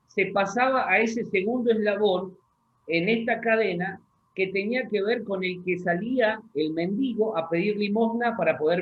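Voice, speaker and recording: A high-pitched man delivers a sermon, reading scripture in slow, deliberate phrases and stopping to question his listeners. The sound is dull and lo-fi, like a plain church recording. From Argentina. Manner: asks the congregation questions. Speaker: pastor. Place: church hall.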